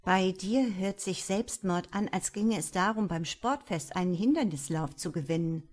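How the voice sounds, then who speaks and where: An earnest, thoughtful female police detective, as a woman narrator reads her in a crime audiobook. She speaks firmly with a reproachful edge, in a fairly low voice. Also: moderate pace, a little mellow, natural voice.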